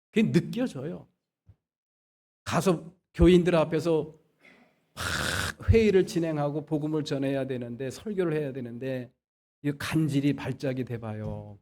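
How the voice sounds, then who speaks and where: A man preaching a Sunday sermon as pastor. He moves between quiet asides and loud, emphatic exhortation. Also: a little high. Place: church sanctuary.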